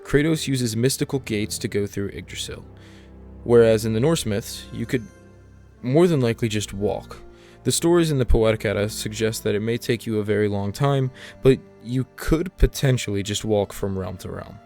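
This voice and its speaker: A man's voice: fairly low pitch, normal speed, darkish tone. Man narrating an explainer over music. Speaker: video essay narrator.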